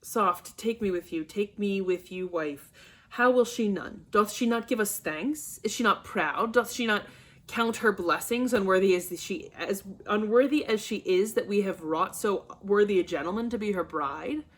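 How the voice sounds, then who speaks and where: Brief: woman as a furious old nobleman father, bossy and loud, shouting bursts, classroom play reading. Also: medium pitch, normal speed, close to an everyday voice. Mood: commanding.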